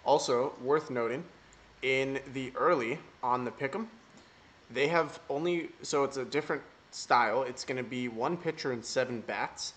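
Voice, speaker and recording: A man's voice: mid-range voice, moderate pace, a bit bright. A man hosting a casual fantasy baseball podcast, jokey and emphatic, swearing casually. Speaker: fantasy baseball analyst host.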